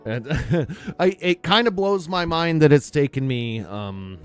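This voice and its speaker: Relaxed man streaming, close mic. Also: on the high side, slow pace, faint music behind. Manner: rambling, relaxed, laughs often. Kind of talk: casual chat while gaming. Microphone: close studio mic on a boom arm.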